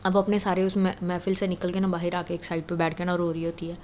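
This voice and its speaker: Low flat-voiced woman storyteller. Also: slight background noise. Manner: chatty, conversational, frequent filler "na". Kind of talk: casual spoken story retelling.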